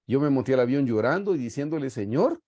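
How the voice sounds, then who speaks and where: A man's voice: medium pitch, expressive, quick pace, no echo. A middle-aged man, teaching a Bible study in an earnest preaching style over a video call and often calling his listeners "brothers". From Guatemala. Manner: earnest, warm pastoral storytelling, often saying "hermanos". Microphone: video call mic.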